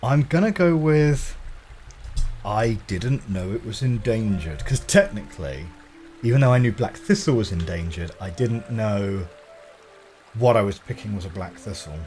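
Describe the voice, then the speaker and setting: A man's voice: lowish voice, lively intonation, moderate pace, darkish tone, faint music behind. A man giving casual video game commentary, wryly musing aloud to himself as he plays. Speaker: gamer.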